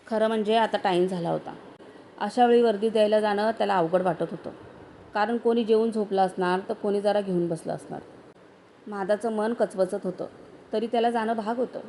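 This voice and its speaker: A woman narrating a short story aloud in a steady storytelling manner. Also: mid-range voice, normal speed, slight background noise.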